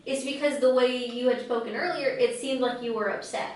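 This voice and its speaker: A woman's voice: on the high side, steady tone, fairly quick. A woman co-hosting a podcast in casual chat, rambling along with lots of "like" fillers. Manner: chatty, rambling, many "like" fillers. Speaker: podcast co-host. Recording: very echoey room, mic far off.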